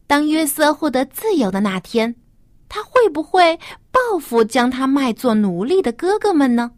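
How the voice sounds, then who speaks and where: A woman's voice: high voice, sing-song, normal speed, no room sound, studio quality. A woman hosting a children's Bible program, speaking to young listeners as if reading to a toddler, with simple questions put straight to them. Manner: addresses small children directly with simple rhetorical questions.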